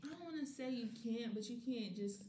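A woman co-hosting a casual chat, emphatic, with quick agreeing interjections. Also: fairly high pitch, expressive, crowd noise. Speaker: podcast co-host. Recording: roomy echo with faint background noise.

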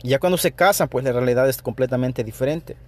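Talking fast in a medium-pitched voice, a man from El Salvador with a Salvadoran Spanish accent carries an unscripted solo podcast. He argues his views earnestly, keeps restarting his thoughts, and repeatedly checks in by saying "ok."

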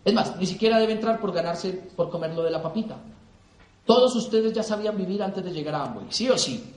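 A man's voice: high-pitched, brisk, echoey room. A middle-aged man from Colombia giving a motivational talk to an audience, telling stories and acting out the dialogue. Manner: animated storytelling, acts out dialogue. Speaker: motivational speaker.

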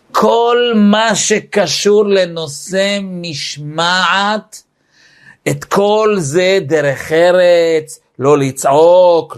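A male Torah teacher delivering a weekly lesson. He speaks with a fairly high voice and a lively, animated delivery. He acts out little family scenes to make his points. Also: clean tone.

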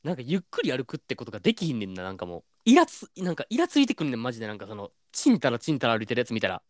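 A man's voice: medium pitch, huge pitch swings, racing, dry recording, clean studio sound. A man with an Osaka accent co-hosting a podcast, blunt and teasing in casual chat. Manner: blunt, teasing, laughs often. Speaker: podcast co-host.

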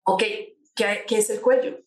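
A woman's voice: medium pitch, steady tone, measured pace. Woman coach in an echoey room. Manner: explains with rhetorical questions and examples. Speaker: attitude-change coach. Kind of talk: conversational talk show guest.

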